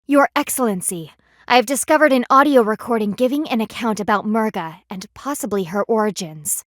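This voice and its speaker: Neera Li, haughty, high-voiced panda warrior played by an actress. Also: female voice, a little fast, dry recording, clean studio sound, lightly acted. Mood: formal, serious. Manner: formal, haughty, precise diction. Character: stern, proud anthropomorphic panda woman warrior loyal to her ruler. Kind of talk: scripted video game voice acting.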